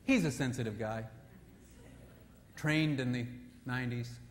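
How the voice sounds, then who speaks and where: A male preacher giving an animated, story-driven sermon, dropping low and quiet for emphasis. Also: measured pace. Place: church sanctuary. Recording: long church hall reverb.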